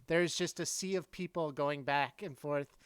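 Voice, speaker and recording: A man's voice: on the high side, unhurried, a bit bright, clean tone, dry recording. A man hosting a casual podcast chat, telling stories with a laugh. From not from Boston. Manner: chatty storyteller, laughs often. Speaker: podcast host.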